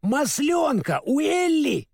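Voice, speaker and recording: A man's voice: extremely high pitch, big pitch swings, slow, vocal fry, darkish tone, no room sound, studio quality, pitched above the performer's own voice, exaggerated voice. A man voicing a kindly, anxious scarecrow in a storybook, fretful and easily alarmed.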